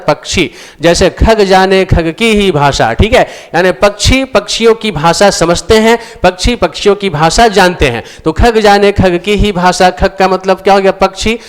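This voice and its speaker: A man teaching Hindi grammar for exam preparation. He calls his viewers friends, repeats each answer for emphasis and reads example sentences aloud slowly. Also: sits high, clean tone. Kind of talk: exam-prep lesson explaining answers. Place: screen-recorded lesson with on-screen board.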